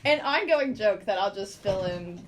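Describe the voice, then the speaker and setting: A woman's voice: mid-range voice, lively intonation, normal speed, slight background noise. A teenage girl co-hosting a school podcast, bubbly and teasing, laughing often. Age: teens. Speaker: student podcast co-host. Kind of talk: casual school podcast chat.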